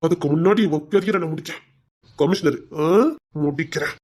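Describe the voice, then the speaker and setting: A man's voice: moderate pace, a little hiss or hum, natural voice. A man playing a vengeful man swearing revenge. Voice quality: shouting, sobbing threats. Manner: bitter, menacing, swings loud to low. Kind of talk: TV serial drama.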